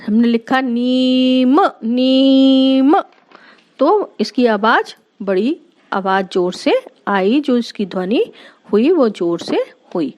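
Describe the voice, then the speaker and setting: A woman's voice: mid-range voice, very animated, slow pace. A woman teacher giving a grammar lesson to young children, drawing out each sound and explaining patiently. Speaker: school teacher. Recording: muffled lo-fi recording.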